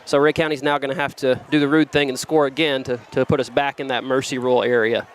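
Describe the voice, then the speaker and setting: A man doing play-by-play commentary for a local high school football broadcast, with jokey, rambling banter about food. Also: level tone, quick pace, slight background noise.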